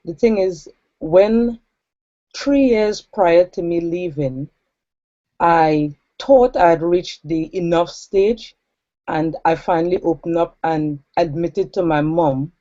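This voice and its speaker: A woman's voice: fairly low pitch, dark tone, dry recording. A woman in her forties from Trinidad, earnestly telling her personal story as an interview guest. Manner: earnest, reflective, with pauses and fillers. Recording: dull lo-fi sound.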